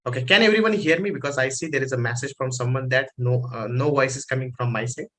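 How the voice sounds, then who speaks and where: An Indian-accented man presents as host of an online training call. His delivery is informal and halting, circling back over his own phrases, at an average male pitch. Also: level tone, fairly bright tone.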